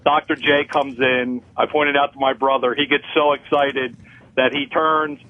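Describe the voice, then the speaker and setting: A man's voice: mid-range voice, level tone, moderate pace. A man calling a radio show, telling a funny story over the phone. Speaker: caller. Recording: tinny phone line.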